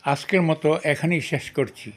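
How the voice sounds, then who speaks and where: A man's voice: fairly high pitch, moderate pace, noisy background. A man with a Bengali accent teaching English grammar, reading each rule twice and then listing word forms one by one. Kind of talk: slow dictation-style grammar lesson.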